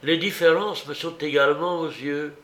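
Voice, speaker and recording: Man reading as a clever, eager detective, raised pitch, lively explaining, slow and roomy audiobook sound. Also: natural voice. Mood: smug. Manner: quick, animated, explaining. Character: brilliant eager male detective, brisk and pleased with himself.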